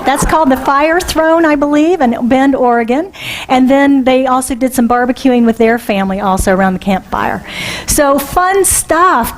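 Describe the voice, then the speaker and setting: Woman minister, fairly high voice, chatty sermon, questions to the congregation. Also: a little hiss or hum, low-quality recording. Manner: conversational, asks the congregation questions. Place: church sanctuary.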